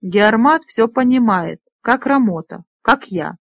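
A woman voicing an amused, calm old bronze dragon who speaks slowly. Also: a little high, gravelly, no room sound, lo-fi sound, exaggerated voice.

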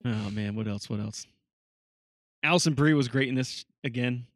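Guy just chatting about a show, swears constantly, mid pitch, dry sound. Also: normal speed, dry recording. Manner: swears a lot, loose and chatty. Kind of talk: casual chat reviewing a TV show.

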